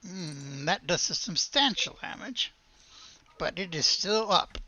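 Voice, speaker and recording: A woman's voice: lowish voice, expressive, takes it slowly, bright, forceful tone, muffled recording. A woman running a tabletop game as game master, explaining rules in an easygoing, patient way.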